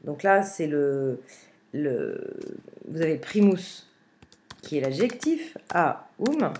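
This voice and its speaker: Low-voiced woman teaching a Latin lesson. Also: big pitch swings, a little mellow, a little hiss or hum. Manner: hesitant, with frequent "euh" fillers and restarts; reads Latin slowly, then glosses it word by word. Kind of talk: remote lesson, explaining a translation.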